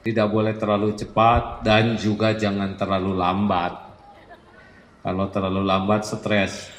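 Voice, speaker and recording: A man's voice: on the low side, flat delivery, unhurried. A man giving a sermon in a conversational, teasing way, acting out everyday examples. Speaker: Islamic preacher. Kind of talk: sermon to a congregation. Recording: echoey hall, faint ambience.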